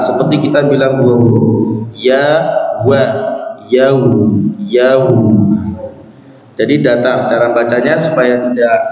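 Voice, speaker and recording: Man, Indonesian accent, recitation teacher, slow careful delivery, echoey mosque hall, dull recording. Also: mid-range voice, a little mellow. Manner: patient, corrective, repeats sounds one by one. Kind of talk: tajwid lesson, modeling slow sung recitation.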